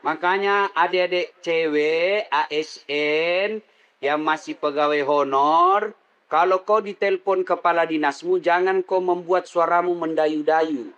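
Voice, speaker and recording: A man's voice: a little high, steady tone, unhurried, fairly bright tone, clean tone, highs cut off. A middle-aged man preaching a comedic sermon, teasing the crowd and leading call-and-response. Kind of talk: comedic sermon to a live audience.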